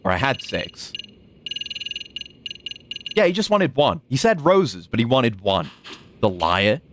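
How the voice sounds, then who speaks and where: A man's voice: medium pitch, sing-song, takes it slowly, a little hiss or hum. A man giving casual gameplay commentary, thinking aloud in a rambling way. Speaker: video game streamer.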